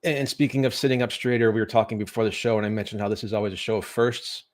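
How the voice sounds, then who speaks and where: A man hosting an interview show, introducing his guest in a brisk, upbeat way. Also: on the low side, fairly even intonation. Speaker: host.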